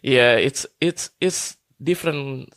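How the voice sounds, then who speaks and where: A man from Indonesia in his thirties answers interview questions in a hesitant way, full of fillers and restarts. His voice is gravelly, and it is recorded dry and close. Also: mid-range voice, takes it slowly, fairly bright tone, no room sound. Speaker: guest consultant. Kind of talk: casual interview talk.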